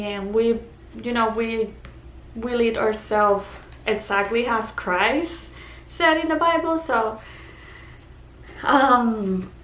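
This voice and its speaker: Recorded in an echoey room with faint noise behind her, a Puerto Rican vlogger shares her personal testimony. Her voice is fairly high and fairly bright, and she speaks earnestly but haltingly, full of fillers and restarts.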